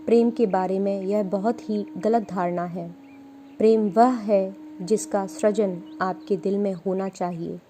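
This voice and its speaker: A woman reading a spiritual talk as an audiobook, in a measured, reflective way. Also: medium pitch, mellow, a little hiss or hum. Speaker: audiobook reader.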